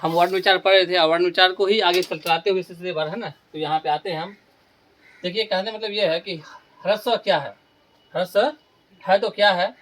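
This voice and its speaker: A man's voice: high-pitched, fairly even intonation, fairly quick, a bit bright, slight background noise. A man teaching a grammar lesson in a classroom style, asking questions and then answering them himself, and repeating key terms.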